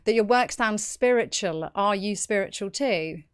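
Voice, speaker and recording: Smooth-voiced woman podcast host. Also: mid-range voice, measured pace. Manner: reads out viewer questions with many ums. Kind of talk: live-streamed interview.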